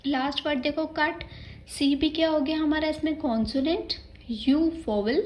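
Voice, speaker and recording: High-voiced Indian woman teaching grammar. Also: normal speed, a little mellow, a little hiss or hum, poor audio. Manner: explains step by step, spelling words letter by letter; mixes English terms into Hindi speech. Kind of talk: exam-prep grammar lesson.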